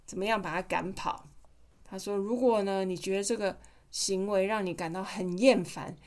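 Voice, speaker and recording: A woman's voice: mid-range voice, fairly even intonation, normal speed. A mother reading a picture book to her kids on a podcast, playful and chatty, often asking them questions. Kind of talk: storybook read-aloud podcast.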